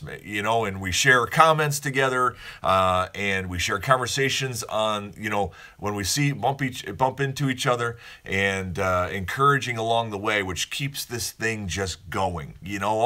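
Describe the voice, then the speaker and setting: A man's voice: fairly low pitch, sharp tone. A man hosting a casual morning show, talking in a rambling, upbeat way with many restarts and fillers. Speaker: host of a daily morning show.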